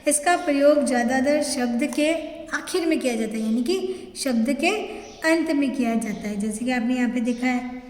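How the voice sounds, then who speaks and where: Female teacher, high voice, patient step-by-step explainer who asks her own questions and answers them; long reverb. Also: moderate pace, darkish tone. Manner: explains step by step, repeats terms, checks with "thik hai". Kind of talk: classroom grammar lesson. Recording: echoey room with long reverb.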